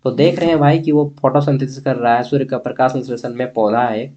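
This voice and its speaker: In a muffled recording, a man with a Bihar-Jharkhand accent teaches history at a quick pace, his medium-pitched voice steady and dark. The lesson is an informal exam review, delivered bluntly and with strong opinions as he repeatedly checks on his listeners.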